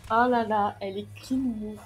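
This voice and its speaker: A woman's voice: mid-range voice, steady tone, moderate pace, a little hiss or hum. A young woman streaming a game, chatting casually, laughing often and reading chat messages aloud. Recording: faint game music behind.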